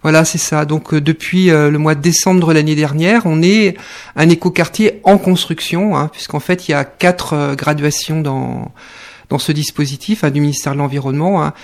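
A man's voice: on the high side, steady tone, moderate pace. A man, guest in a radio studio interview, talking with many fillers and restarts. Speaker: guest, neighbourhood committee co-president.

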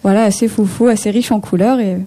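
A young woman from Picardy, a singer-songwriter chatting in a radio studio interview, answering in a chatty, hesitant way with many pauses. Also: medium pitch, steady tone, dark tone. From Picardy, France. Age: young adult.

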